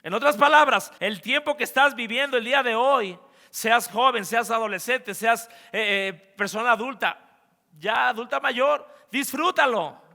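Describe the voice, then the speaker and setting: A man preaching a sermon to his congregation, animated and swinging between loud and hushed. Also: extremely high pitch, normal speed, vocal fry, big-room sound. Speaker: pastor. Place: church sanctuary.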